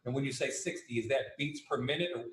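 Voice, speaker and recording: A man questioning a witness as an attorney, measured and methodical, heard in a courtroom recording. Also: mid-range voice, fairly bright tone, roomy sound, low-quality recording. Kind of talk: courtroom examination.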